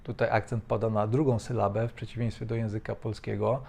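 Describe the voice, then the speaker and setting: A man hosting, critiquing spoken English in measured commentary with frequent hesitations. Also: on the low side, little pitch movement, gravelly, warm tone. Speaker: host. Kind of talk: language-coach commentary.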